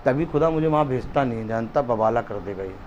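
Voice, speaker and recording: A man preaching a fiery sermon at a home gathering, shouting and repeating lines for emphasis. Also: medium pitch, lively intonation, fast talker, muffled recording, a little hiss or hum.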